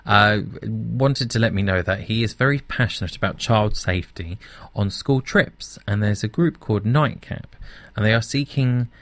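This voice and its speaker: A man's voice: on the low side, vocal fry, dry recording. A young British man with blunt opinions, hosting casual news commentary with many restarts. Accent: British English.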